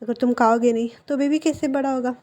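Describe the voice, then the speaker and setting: A man's voice: very high-pitched, fairly even intonation, quick pace, a little mellow. A woman voicing a devoted, protective young husband in a storybook retelling, eager and reassuring.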